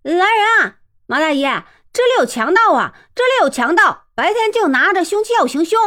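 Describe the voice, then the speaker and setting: A woman's voice: on the high side, huge pitch swings, brisk, dry recording, voice pushed up. A bullying middle-aged village headman, acted by a woman, blusters and barks in a storybook reading. His voice jumps around with brash force, dry and close to the mic. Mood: shouting triumph. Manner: loud, bullying, stammering when scared.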